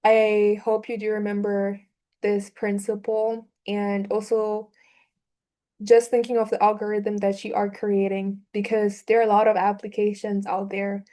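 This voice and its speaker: Slow, flat-voiced woman speaker. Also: medium pitch. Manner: slow, flat, hesitant with many fillers. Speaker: conference speaker. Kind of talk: conference talk.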